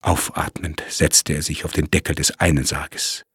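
A man narrating a crime story in a lively storytelling manner. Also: a bass voice, normal speed, husky, no echo, clean studio sound.

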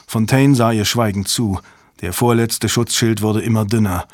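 A man narrating a thriller audiobook in a steady, even storytelling manner on a close microphone. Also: on the low side, normal speed, no echo. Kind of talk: scripted narration.

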